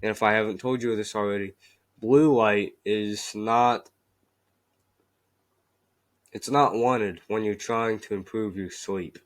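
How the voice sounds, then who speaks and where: Young male vlogger, low-pitched, purposely flat and unentertaining, rambling with restarts. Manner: deliberately monotone, halting with restarts. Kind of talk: casual self-improvement vlog.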